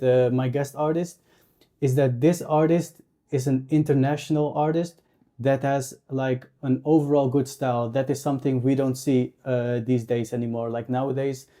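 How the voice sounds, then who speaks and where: A man with a Dutch accent hosting a casual interview, relaxed and filling his talk with "like" and short affirmations. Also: mid-range voice. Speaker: podcast host and tattoo artist. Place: tattoo shop.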